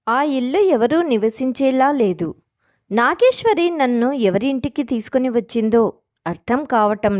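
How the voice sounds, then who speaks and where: Expressive woman narrating a suspense story. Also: fairly high pitch.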